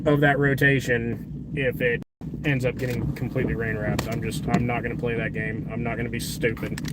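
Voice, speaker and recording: A man's voice: mid-range voice, level tone, fairly quick. A man giving casual, unscripted live stream commentary as a storm chaser, informal and exclamatory, outdoors in windy weather. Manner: informal, exclamatory, mild swearing. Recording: loud wind and vehicle noise.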